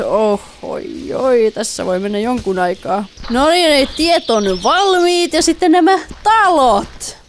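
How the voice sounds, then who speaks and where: A woman's voice: high voice, slight background noise. A woman giving casual, playful commentary while playing a building game, chatting to the characters on screen. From Finland. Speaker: let's play gamer.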